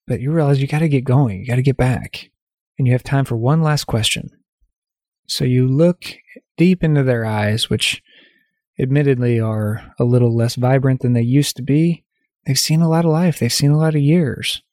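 A man leading a guided visualization, talking gently and calmly in the second person with unhurried pauses. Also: mid-range voice, no echo, clean studio sound. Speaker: meditation guide.

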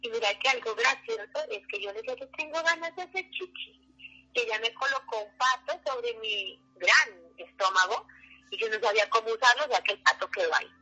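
A woman, a mother telling her birth story as a radio guest in an animated, emotional way. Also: a little high, a little fast, highs cut off, soft background music. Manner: animated, acts out the voices of others.

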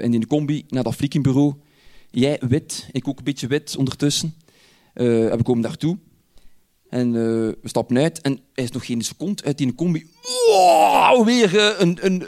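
A man with a Flemish accent, telling a personal anecdote in an animated way and chuckling often as he goes. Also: medium pitch.

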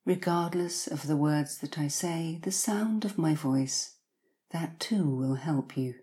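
Very slow, soothing low-voiced woman, hypnotic countdown style. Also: dark tone. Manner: slow, soothing, repetitive, with long pauses. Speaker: hypnotherapist guiding relaxation.

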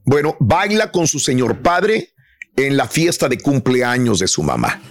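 A man's voice: medium pitch, a little slow. A man with a Mexican accent hosting a casual entertainment talk show, teasing and leading the topics. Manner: lively, teasing, leads topics. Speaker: radio show host.

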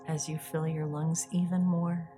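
Low, slow woman guiding a soft meditation. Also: level tone, faint music behind. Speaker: guided meditation podcast host.

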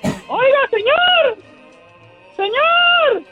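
A male phone caller voicing a tiny, pestering mouse that keeps calling out in a squeaky voice. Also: expressive, drawn-out words, loud music behind the voice, heavily acted. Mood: pleading. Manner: shrill, insistent calling. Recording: tinny phone line.

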